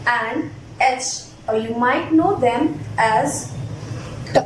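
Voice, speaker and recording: Woman, phonics teacher, high voice, deliberate word-by-word enunciation, call-and-repeat prompts, roomy echo. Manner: deliberate spelled-out enunciation, sounding words out for repetition. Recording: roomy echo, distant mic, faint noise.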